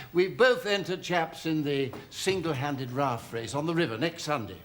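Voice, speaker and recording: A man acts out a hearty, courteous English gentleman of the yachting set in a television comedy. His genial voice sits fairly high. There is faint noise on the old soundtrack. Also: unhurried, lightly acted. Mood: jovial, confident. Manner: genial, clubby. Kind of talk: British sitcom acting.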